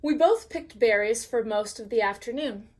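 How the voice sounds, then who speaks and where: A woman reading a picture book aloud as a bedtime story, pausing to ask the listener questions. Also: on the high side. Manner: slow, gently expressive reading with questions to the listener.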